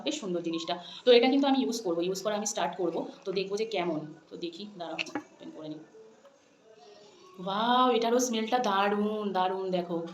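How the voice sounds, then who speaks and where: Fast-chatting woman vlogger, echoey room. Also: medium pitch, a little hiss or hum. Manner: chatty, repeats herself, pleads with viewers. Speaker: lifestyle vlogger. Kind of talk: casual vlog talk to camera.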